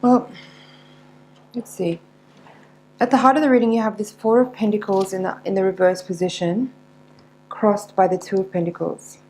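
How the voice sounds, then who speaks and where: A woman giving a mystical horoscope tarot reading, unscripted, in a searching, halting manner with repeated words. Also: medium pitch, fairly even intonation, darkish tone, poor audio. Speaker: tarot reader.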